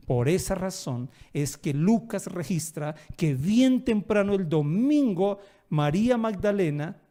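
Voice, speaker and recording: A man's voice: on the high side, dark tone. A man pastor preaching a sermon, telling stories with acted dialogue and emphatic bursts.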